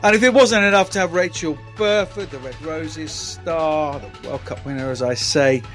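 A man's voice: a little high, moderate pace, a bit bright, soft background music. A man hosting a sports podcast in a casual, jokey presenting style. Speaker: podcast host.

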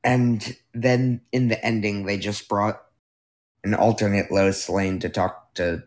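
At a slow pace and in a level, fairly low voice, a young podcast host chats on his own while trying out a new microphone. His voice is going, and he rambles along with fillers and self-corrections.

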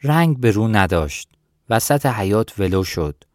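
A man reading a novel aloud in the first person, in a steady storytelling manner. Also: on the low side, no room sound, studio quality. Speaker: audiobook narrator.

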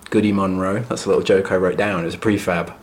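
A man's voice: deep voice, flat delivery, quick pace. A man co-hosting a podcast, talking through a play's history in casual chat with dry, mock-serious jokes. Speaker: podcast co-host. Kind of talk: casual chat recapping a play.

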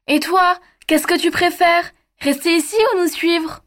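A bright, chirpy little girl from a storybook, bold and cheerful, as a man puts her on. She talks high and quick, eager and teasing. Her voice is clear and light. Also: flat delivery.

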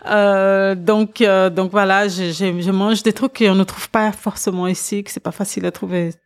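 A woman's voice: medium pitch, steady tone, normal speed, clean tone. A woman from Brazil chatting as a podcast guest, enthusiastic and laughing often, with many fillers. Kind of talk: casual interview chat.

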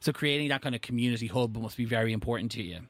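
A man's voice: mid-range voice, very fast, no room sound. A man with a Dublin accent, hosting a casual interview in an informal way with loosely hedged, meandering phrasing. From Dublin, Ireland. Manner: informal, hesitant phrasing with frequent "kind of". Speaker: podcast host.

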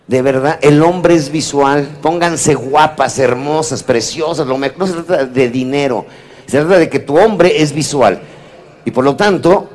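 A man's voice: mid-range voice, darkish tone. A man delivers a motivational talk to a live audience. His tone is playful and teasing, and he keeps addressing the listeners directly. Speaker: motivational speaker. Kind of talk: humorous lecture to a live audience.

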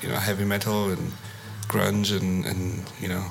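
A man from Tunisia speaks casually about music, stopping and restarting his sentences. His voice sits a little low. A faint ambient hum runs under the talk. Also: flat delivery, normal speed, creaky. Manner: hesitant, many restarts and fillers. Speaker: musician guest. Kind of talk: casual interview chat.

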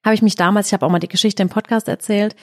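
A woman's voice: mid-range voice, fairly even intonation, racing, no echo, clean studio sound. A woman in her thirties chatting casually as a podcast host, telling long personal stories with lots of small fillers. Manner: chatty storyteller, many fillers and hedges. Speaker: podcast host and video creator. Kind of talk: casual chat.

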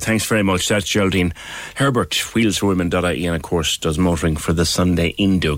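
Male talk radio host, Cork accent, lower voice, dry studio sound, chatty presenting. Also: fairly bright tone, dry recording. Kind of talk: conversational radio presenting and interviewing.

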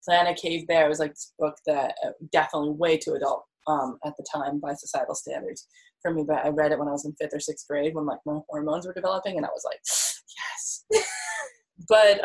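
A young woman with a low-pitched voice talks as an interview guest. She muses in a rambling, reflective way, full of fillers. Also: poor audio. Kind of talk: casual conversational interview.

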